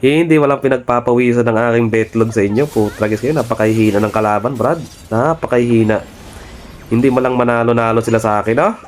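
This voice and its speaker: A cocky young man commentates his own mobile match, barking repeated short calls at his team. He swears freely and mocks his rivals with smug boasts. His voice sits at an ordinary middle pitch. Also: fairly even intonation, quick pace, slight background noise. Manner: brash trash talk, swearing, bossing teammates; repetitive calls, tag word after most phrases. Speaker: gaming streamer. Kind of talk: live mobile game commentary.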